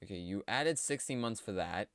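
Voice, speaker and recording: A man's voice: fairly low pitch, animated, moderate pace, dry recording. A man giving casual, rambling commentary on a cartoon series, hesitant and full of fillers. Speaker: video commentator.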